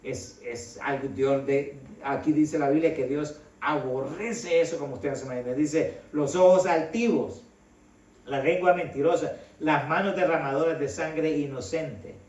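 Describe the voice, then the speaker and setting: With a fairly high pitch and a darkish tone, a middle-aged Salvadoran man delivers a conversational sermon, frequently addressing listeners as brother. The recording comes from an echoey church hall, his voice picked up from afar.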